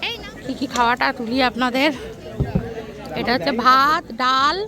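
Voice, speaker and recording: A woman's voice: high voice, moderate pace, crowd noise. A middle-aged woman from West Bengal, talking chattily to her viewers in a casual home vlog. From West Bengal, India. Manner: chatty, addresses viewers directly. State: out of breath. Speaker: vlogger.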